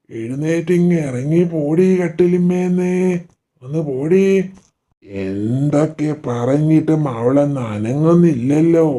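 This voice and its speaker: A man doing a nagging old grandmother. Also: a little high. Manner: nagging, sharp-tongued, sweet to the baby. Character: grumpy scolding old grandmother. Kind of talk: doll story voice acting.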